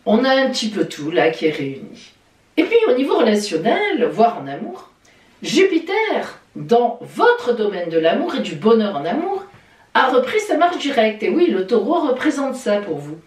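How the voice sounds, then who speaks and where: A woman astrologer talks through her weekly horoscope with a lot of pitch movement, chatty and playful. Her voice sits a little back from the mic in an echoey room. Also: moderate pace, far from the mic. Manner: lively and chatty, with playful exclamations. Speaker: astrologer and psychic. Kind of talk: weekly horoscope video talk.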